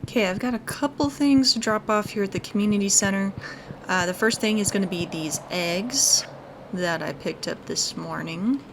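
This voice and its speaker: This gaming video host talks at normal speed in a medium-pitched voice, narrating her actions aloud in casual let's play commentary. Game music and background noise can be heard behind her.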